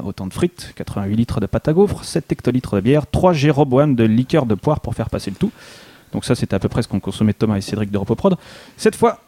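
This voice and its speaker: A man's voice: mid-range voice, warm tone. A man co-hosting a radio show, reading a mock-solemn, ironic introduction. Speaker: co-host. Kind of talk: scripted humorous introduction.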